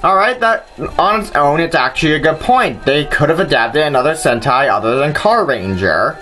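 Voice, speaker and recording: A man's voice: a little high, animated, moderate pace, sharp tone, faint music behind. A man hosting a scripted video commentary, arguing his points in an informal way. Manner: argumentative, informal. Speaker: host of a nitpicking response video.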